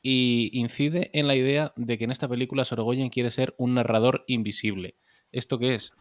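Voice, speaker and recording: A man's voice: mid-range voice, fairly even intonation, moderate pace, dry recording, clean studio sound. A man hosting a film podcast, analytical and explaining ideas and posing questions to his panel. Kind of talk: casual film discussion.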